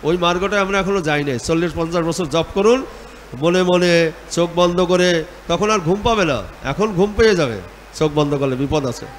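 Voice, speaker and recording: A man with a high, ringing voice guides a group through devotional chanting. He instructs plainly and exhorts the listeners to join in. A faint hiss sits under his voice. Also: normal speed. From Bengal.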